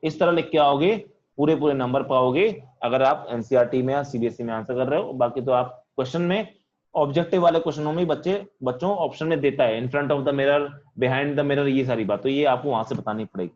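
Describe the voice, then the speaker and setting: A physics teacher speaking, leading an online class in a loud voice that he says is straining from all the shouting. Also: medium pitch, a little fast, dull audio. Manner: talks loudly to students, says he is shouting. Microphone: computer mic on video call.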